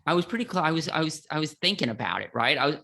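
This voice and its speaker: Casting: middle-aged man, gravelly voice, playful law teacher on a podcast. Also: on the high side, very animated, very fast, pushed and bright. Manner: playful, self-mocking, explanatory. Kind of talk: casual explanatory chat.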